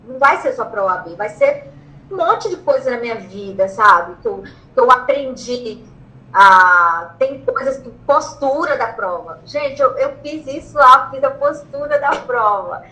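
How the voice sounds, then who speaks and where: A woman with a Brazilian Portuguese accent, telling her own story in an interview. She talks excitedly, repeats phrases and acts out what she once shouted. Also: high-pitched, a little slow, echoey room, low-quality recording. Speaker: interviewee, law graduate who passed the bar exam. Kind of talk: emotional personal storytelling.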